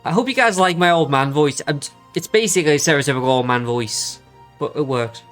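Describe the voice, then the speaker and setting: A woman's voice: deep voice, a little fast. A woman doing let's play commentary, thinking aloud and chatting to viewers as she reads the game. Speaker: game streamer. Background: game music.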